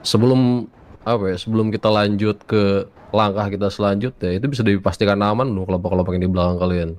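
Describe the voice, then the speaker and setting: A man chatting in character in a roleplay game, relaxed and slangy, thinking aloud as he talks. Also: fairly low pitch, quick pace. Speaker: roleplay player. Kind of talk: casual in-character chat.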